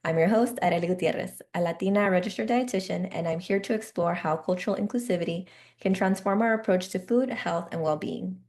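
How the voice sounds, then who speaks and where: A woman's voice: fairly low pitch, gravelly, darkish tone. A woman hosting a podcast, reading a polished intro and leading the interview in an upbeat way. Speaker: podcast host.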